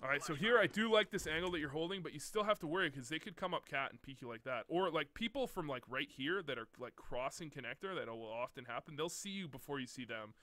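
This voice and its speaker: A man's voice: fairly high pitch, expressive, fast, few pauses, pushed and bright. A young man casually commentating over gameplay, coaching bluntly and swearing often as he points out mistakes. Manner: blunt, profane, exasperated teaching. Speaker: game coach reviewing a demo.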